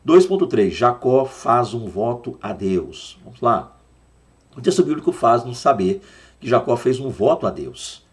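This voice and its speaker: A man's voice: mid-range voice, sing-song, a little slow. A Brazilian man teaching a Sunday school Bible lesson, explaining words patiently and repeating them to drill their pronunciation. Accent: Brazilian Portuguese.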